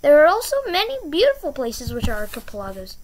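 A woman explains a topic on her own educational channel in a chatty, encouraging style, repeating key words for emphasis. Her high voice swoops wildly in pitch, with a quick pace and a darkish tone.

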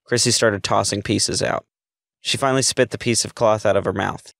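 Male storyteller, low pitch, gravelly tone, dry close sound. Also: fairly even intonation, normal speed, a bit bright, no room sound. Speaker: narrator. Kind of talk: reading a story aloud.

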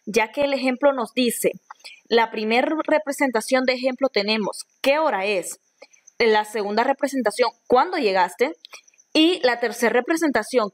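Woman, Honduran accent, teacher, slightly high voice, patient and repetitive, crickets behind. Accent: Honduran Spanish. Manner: patient, repeats and restarts while explaining. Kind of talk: recorded school lesson.

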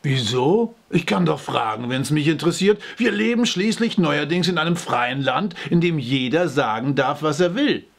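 A man's voice: on the high side, expressive, moderate pace, creaky, few pauses. A man doing a boastful old village man. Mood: curious. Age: older. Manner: stubborn, self-assured.

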